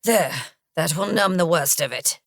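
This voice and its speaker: A man voicing a sharp-tongued, tense young woman adventurer in an audiobook. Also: fairly high pitch, animated, a little slow, vocal fry, dry recording, clean studio sound, pitched above the performer's own voice, full character voice. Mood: steady.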